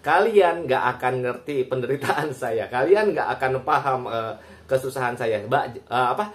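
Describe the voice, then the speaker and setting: A man's voice: medium pitch, lively intonation, normal speed. A young man who streams live, talking casually and personally, mixing slang with polite speech and laughing often.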